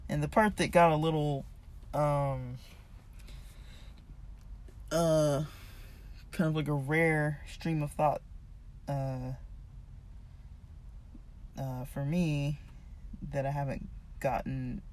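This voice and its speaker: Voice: medium pitch, steady tone, takes it slowly, pauses often, darkish tone. Someone whose voice is giving out, talking casually and unscripted about a book, hesitant and thinking aloud. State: losing voice, voice giving out. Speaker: reader discussing a self-help book.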